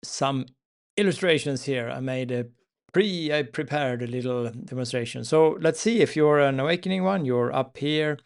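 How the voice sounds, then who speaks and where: Gravelly, halting man giving spiritual talk. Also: medium pitch. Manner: halting, with pauses mid-phrase. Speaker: spiritual teacher. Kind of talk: informal spiritual talk with demonstration.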